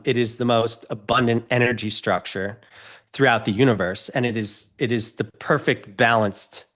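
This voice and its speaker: A man's voice: mid-range voice, fairly bright tone. A middle-aged man, a guest on a podcast, talking earnestly and expansively in a casual interview. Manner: earnest, expansive, gestures while explaining.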